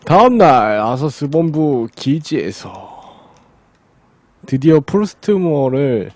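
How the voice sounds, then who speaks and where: A man commentates casually over a game. His delivery is rapid and his tone mellow, with swinging intonation and game audio faintly behind. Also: medium pitch, big pitch swings, dry recording. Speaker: game streamer.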